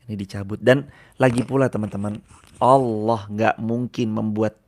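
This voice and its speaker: Gravelly preacher. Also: male voice, on the low side, darkish tone. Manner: repeats key phrases, chants Arabic verses slowly; addresses the congregation directly. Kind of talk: sermon.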